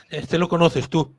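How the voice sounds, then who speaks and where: A man hosting a live-stream talk, relaxed and jokey. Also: a little high, breathy edge. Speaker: host.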